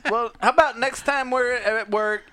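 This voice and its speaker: A man's voice: very high-pitched, moderate pace, sharp tone, a little hiss or hum. A man chatting casually with friends in crude, sweary, joking lad banter. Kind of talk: casual chat among friends.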